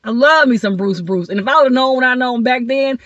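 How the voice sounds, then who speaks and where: Woman, from Ohio, guest comedian, excitable rambling storyteller, high voice, dry muffled recording. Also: a little fast, no echo. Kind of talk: casual podcast chat. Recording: dull lo-fi dry sound.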